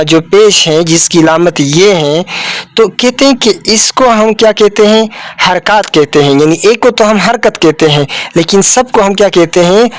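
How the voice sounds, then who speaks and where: High-voiced man teaching a children's lesson. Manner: asks questions and answers them himself, repeats words often; addresses the child as "beta".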